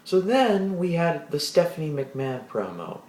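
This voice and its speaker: A deep-voiced man reviews a wrestling show on his own, casually rambling, restarting sentences and throwing in animated asides. He keeps a measured pace, and the sound is roomy.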